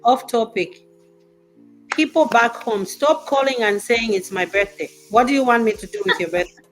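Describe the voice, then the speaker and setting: A woman's voice: on the high side, moderate pace, faint music behind, rough recording. Emphatic woman in her fifties hosting. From Zambia. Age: 50s. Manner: emphatic, repeats points for stress. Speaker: talk show host. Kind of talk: casual panel chat.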